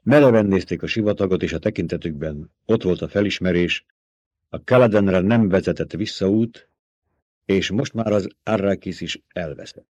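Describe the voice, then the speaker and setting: Deep-voiced male audiobook narrator. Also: darkish tone, no room sound.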